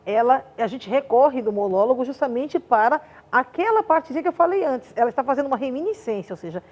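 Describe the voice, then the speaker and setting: Lively, expressive woman teacher. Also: high voice, quick pace, dull audio. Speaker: arts teacher. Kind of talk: remote class teaching.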